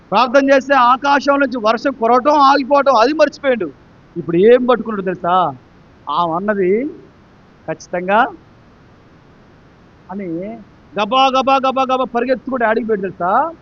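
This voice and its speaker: A man from Andhra Pradesh with a Telugu accent, preaching a sermon and acting out the characters, dropping quiet and then swelling loud. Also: very high voice, normal speed, long pauses, muffled recording. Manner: dramatic storytelling preacher, acts out the characters, swings between quiet and loud. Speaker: pastor.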